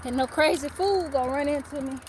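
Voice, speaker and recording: A woman's voice: high voice, fairly quick, background noise. A woman vlogging casually while riding a bike up hills outdoors, out of breath and laughing between playful exclamations. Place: outdoors on a bike on hilly roads.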